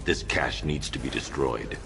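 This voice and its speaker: An actor playing a grim masked vigilante who speaks in curt, commanding orders for a video game. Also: male voice, a little slow, exaggerated voice. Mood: stern. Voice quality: deep and gravelly. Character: grim masked vigilante, stern adult man. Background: game music score.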